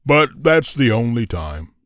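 A man's voice: big pitch swings, a bit bright, no echo, studio quality. A man voicing a big hungry male lion who speaks in a grand, regal way. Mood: amused. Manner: deep, slow, grand and regal.

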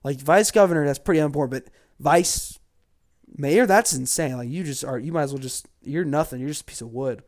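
A political commentator from Georgia rants in a brisk, somewhat high voice, casual and sarcastic as he mocks his targets. He sinks into mutters, then flares into loud outbursts.

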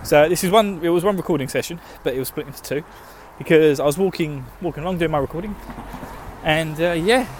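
A man's voice: fairly high pitch, quick pace. A man with an Essex, Estuary English accent and slightly slurred, lazy diction, chatting casually and jokily to listeners as a gaming show host, with plenty of swearing. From Essex, England. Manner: sweary, jokey, informal. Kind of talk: casual chat, rambling to listeners. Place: outdoors, walking, urban surroundings. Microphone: handheld phone. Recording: noisy outdoor phone recording with traffic.

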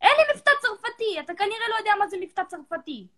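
A woman's voice: very high voice, animated, sharp tone. A woman from Israel calling into a live stream, answering defensively and hesitating with fillers. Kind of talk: casual conversation.

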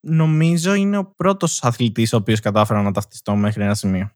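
A man's voice: fairly low pitch, darkish tone, no room sound. A young man co-hosting a casual podcast, teasing his partner with dry jokes. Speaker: podcast co-host. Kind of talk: casual chat.

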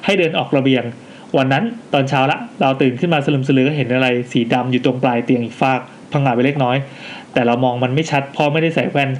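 A man co-hosting a casual podcast, reading listener ghost stories aloud with jokey asides. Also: mid-range voice. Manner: animated, quick reactions, jokey asides while reading.

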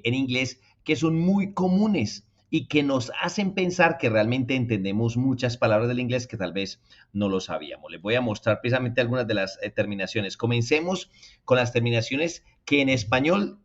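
A man from Latin America teaching an English lesson, repeating each word slowly and often, then talking quickly to the viewers at home. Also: medium pitch, muffled recording. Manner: drills words slowly and repeats them, then talks fast; addresses viewers directly, encouraging them to repeat. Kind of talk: spoken language lesson.

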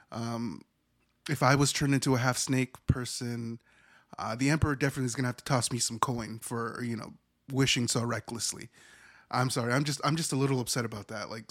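A man in his thirties hosting a podcast, recapping a horror movie in a rambling, profane, self-correcting way. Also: mid-range voice. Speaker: podcast host reviewing a movie. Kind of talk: casual spoken movie recap.

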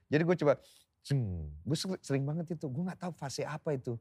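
A young man chatting casually as a podcast guest, telling an animated story full of mouth sound effects. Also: fairly high pitch, very fast, breathy edge, no echo, studio quality.

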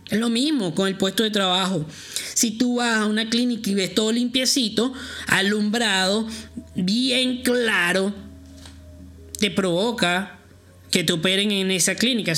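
A man's voice: high-pitched, a bit bright. A man hosting a podcast, giving direct, confident instructional advice and speaking straight to the listener. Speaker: podcast host giving repair-shop advice.

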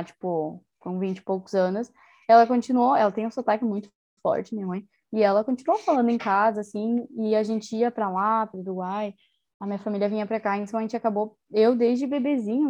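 A young adult woman speaks casually as an interviewee, chatty and enthusiastic, with many small fillers in the conversation. Her voice is mid-range with a darkish tone, and the audio sounds dull.

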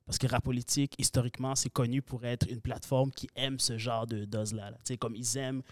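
A man who grew up in Africa, talking fast and animated as a podcast guest, with many fillers. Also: medium pitch, no room sound, clean studio sound. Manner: rapid, animated, filler-heavy talk. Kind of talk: casual podcast chat.

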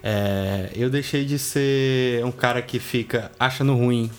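A man co-hosting a podcast talks casually into a studio microphone, thinking out loud, blunt and swearing freely. His voice is medium in pitch, steady in tone, and slow.

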